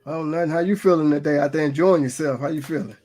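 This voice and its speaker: A man co-hosting a casual podcast chat in a laid-back, quiet way. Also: a little high, fairly even intonation, quick pace. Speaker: podcast co-host.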